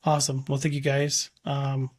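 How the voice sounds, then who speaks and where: A man's voice: mid-range voice, completely flat delivery, normal speed, darkish tone. A man hosting a radio sports interview, upbeat and affirming. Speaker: radio show host.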